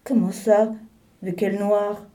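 A woman's voice: medium pitch, little pitch movement, slow pace, warm tone, recorded from a distance, lightly acted. A woman voicing a touchy little penguin in a storybook reading, emphatic and easily irritated. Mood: stubborn.

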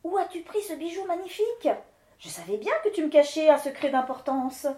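A woman's voice: high voice, very animated, brisk, mellow, reverberant, pitched above the performer's own voice. Woman doing an eager prying peasant wife. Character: curious excited peasant wife, nagging.

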